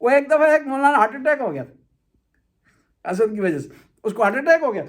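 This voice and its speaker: Man, cleric, high voice, conversational religious talk, anecdotes, rhetorical questions. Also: sing-song. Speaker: Shia cleric.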